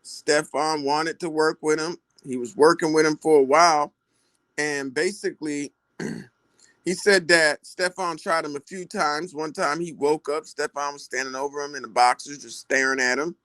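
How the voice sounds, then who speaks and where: A man's voice: on the high side, steady tone, moderate pace, fairly bright tone, no room sound. A man giving casual celebrity gossip commentary, retelling stories in slangy talk and acting out the quoted lines.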